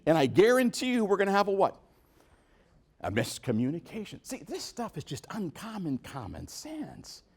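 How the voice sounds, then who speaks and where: A man giving a motivational talk at a business meeting, asking the audience questions and acting out quotes. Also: high-pitched. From New York. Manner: animated, asks the audience questions, acts out quotes. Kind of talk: motivational speech.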